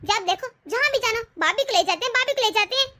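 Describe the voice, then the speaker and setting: A woman's voice: extremely high pitch, sharp tone, a little hiss or hum. Woman voicing a jealous snappy young wife. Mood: indignant. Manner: complaining, indignant, quick to snap.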